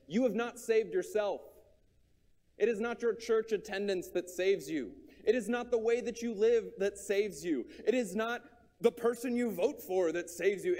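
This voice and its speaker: A man's voice: high-pitched, a little mellow, long reverb tail. A man preaching a sermon, earnest and repetitive, thinking aloud with small restarts.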